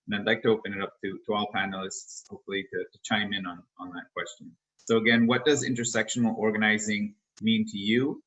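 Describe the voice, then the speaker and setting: A man's voice: on the low side, a bit bright, poor audio. A man moderating a panel discussion, putting a question to the speakers.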